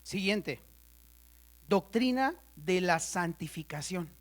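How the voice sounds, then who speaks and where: A woman leads a Bible study in a church classroom. She keeps things conversational, tossing quick questions to the class and joking with them. When a term matters, she slows right down and spells it out for note-takers. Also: lowish voice, animated. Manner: conversational, checks in with the class often; playful asides, spells out terms slowly for note-takers.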